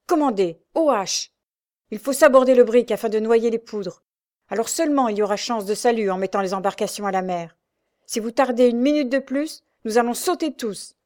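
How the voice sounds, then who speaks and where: Woman shouting as an old quartermaster. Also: a little high, normal speed, close to an everyday voice. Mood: pleading. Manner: shouting urgently. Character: old male quartermaster, rough pleading sailor.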